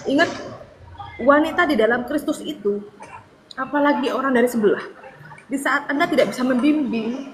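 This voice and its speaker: A woman's voice: high voice, fairly quick, long pauses, background noise. Earnest pleading woman preacher from Madura. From Madura, Indonesia. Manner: earnest, pleading, tags most phrases with "ya"; emotional, near tears at times. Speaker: evangelist. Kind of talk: live-streamed preaching and advice.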